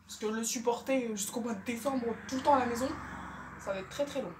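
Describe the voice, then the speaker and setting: A woman's voice: fairly high pitch, fast talker, recorded from a distance, noisy background. Chatty teenage girl in an echoey room. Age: teens. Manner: chatty, bossy big sister. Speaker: youtuber. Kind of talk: casual vlog chat. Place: home, indoors.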